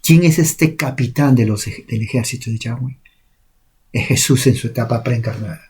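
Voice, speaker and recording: Husky-voiced male preacher. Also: mid-range voice, moderate pace, a little mellow. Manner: emphatic, rising for stress. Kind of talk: sermon.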